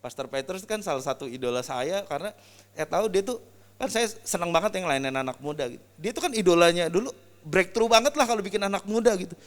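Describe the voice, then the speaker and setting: Animated, slangy pastor in a reverberant hall. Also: male voice, high-pitched, quick pace. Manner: animated storyteller, slangy, acts out quotes. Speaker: pastor giving testimony. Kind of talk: casual sermon testimony.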